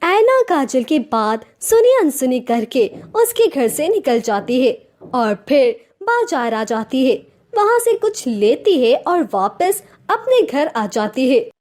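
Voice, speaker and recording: A woman narrating a cartoon story in a plain, steady storytelling manner. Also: high voice, slow.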